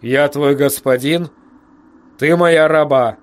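A man's voice: a little high, steady tone, slow pace. A man voicing a cool, dry adult sorcerer who speaks curtly and with detachment, in an audiobook. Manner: curt, detached.

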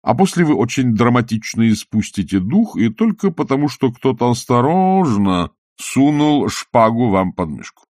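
Give me a man playing a gloating, mocking opera villain, dry and close, with a lively pitch. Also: moderate pace, few pauses, no echo, natural voice. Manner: sneering, theatrical, taunting.

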